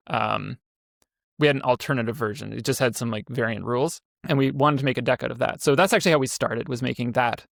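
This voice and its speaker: A man's voice: medium pitch, creaky, dry recording, studio quality. A man in his thirties, an indie game developer, talking casually as a podcast guest, rambling with fillers and restarts. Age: 30s. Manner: rambling, self-correcting, frequent fillers. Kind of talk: casual interview talk.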